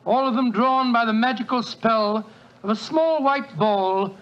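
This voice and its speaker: Doctor Watson, hearty old doctor. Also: male voice, very high-pitched, measured pace. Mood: storytelling. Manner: bluff, hearty, old-fashioned. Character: genial elderly male doctor narrator, Doctor Watson. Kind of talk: 1940s radio acting. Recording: dull lo-fi 1940s radio recording.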